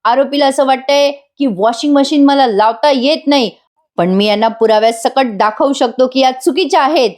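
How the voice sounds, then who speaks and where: A woman's voice: sits high, normal speed, darkish tone, pitched above the performer's own voice, lightly acted. A woman voicing a playful young male lawyer who speaks in mock-formal courtroom tones.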